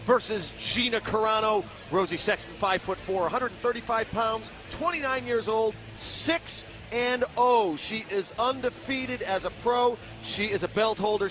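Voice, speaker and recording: A man doing energetic play-by-play commentary for a fight broadcast. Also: sits high, normal speed, hardly any pauses, soft background music. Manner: energetic, hyping.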